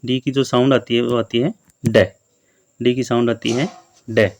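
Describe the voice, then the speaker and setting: A male teacher giving a slow, patient lesson on letters to young children, repeating each letter and word many times. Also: mid-range voice, little pitch movement, a little hiss or hum.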